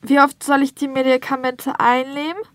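A woman playing a sick, worried patient in a scripted language-learning dialogue, speaking plaintively but with clear articulation. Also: high voice, flat delivery, moderate pace, no echo, studio quality, natural voice.

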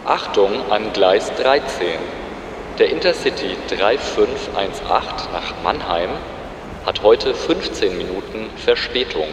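Male station PA voice, acted, deep-ish, formal, very reverberant, light traffic behind. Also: animated. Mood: official, neutral. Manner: formal, deliberate, matter-of-fact. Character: male railway station announcer, official and courteous. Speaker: station announcer. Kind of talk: scripted railway platform announcement for a listening exercise. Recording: echoey station PA, street noise behind.

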